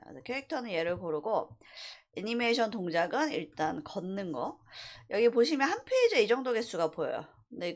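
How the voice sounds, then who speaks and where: A woman with a mid-range voice teaches a university animation class via a screen-recorded software tutorial. She explains step by step, using frequent fillers.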